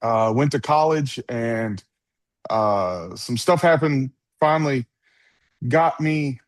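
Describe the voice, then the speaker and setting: A man from North Alabama with a Southern US accent, a preacher talking as a guest in a deadpan, playful way. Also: medium pitch, slow pace, no room sound. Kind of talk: casual interview talk.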